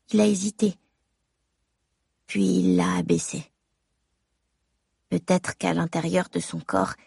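Woman reading a story in first person, really gravelly and husky, measured and intimate, dry close mic. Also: lowish voice, darkish tone, no echo. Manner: measured, intimate, addressing the mother. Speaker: audiobook narrator. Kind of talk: first-person audiobook narration.

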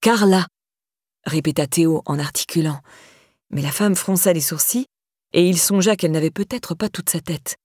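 A woman narrating a novel as an audiobook reader, in a measured storytelling manner. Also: low-pitched, a little mellow, slightly rough, dry recording, clean studio sound.

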